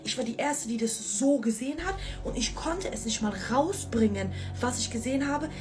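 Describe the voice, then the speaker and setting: A woman recounts her own scary encounter in a casual, slang-filled way, turning to her listeners again and again. Her voice sits a bit high, and faint music plays underneath. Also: moderate pace. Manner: excited, slangy, addresses listeners directly. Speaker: storyteller. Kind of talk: casual first-person scary story.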